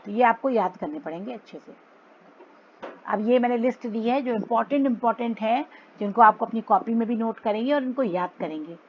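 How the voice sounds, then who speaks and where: A woman's voice: on the high side, brisk, muffled recording, slight background noise. A woman teacher explaining grammar to schoolchildren, mixing Hindi and English and repeating words for them to memorize.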